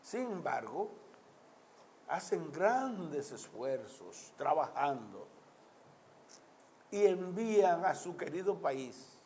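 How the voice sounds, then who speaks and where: A man from the Dominican Republic, with a Caribbean Spanish accent, delivers emphatic, oratorical social and political commentary to his audience, piling up repeated lists and posing rhetorical questions. His voice is a little high and sing-song with a darkish tone; he speaks slowly with long pauses, and there's a little hiss or hum.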